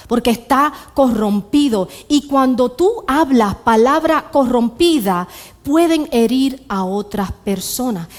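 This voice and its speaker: A woman with a Puerto Rican accent preaching a church sermon, asking the congregation rhetorical questions and repeating her key lines. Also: fairly high pitch. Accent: Puerto Rican Spanish. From Puerto Rico.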